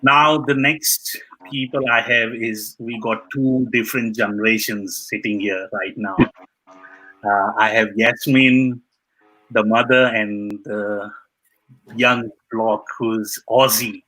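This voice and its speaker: Bright-voiced man hosting a live call. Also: on the low side, steady tone, faint music behind, poor audio. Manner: halting, repeats short praise. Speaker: host of a live online panel. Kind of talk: live video call interview.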